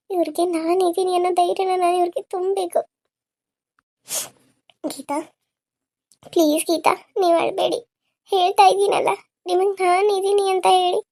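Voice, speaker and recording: A woman voicing a caring young married woman in a Kannada cartoon serial, speaking gently and earnestly. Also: very high-pitched, gravelly, dry recording. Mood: consoling.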